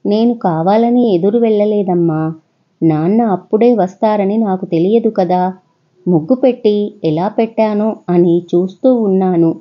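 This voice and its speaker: A woman's voice: mid-range voice, normal speed, muffled recording, close to an everyday voice. A woman voicing a frightened, mistreated young girl who pleads in a small, tearful voice. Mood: timid pleading.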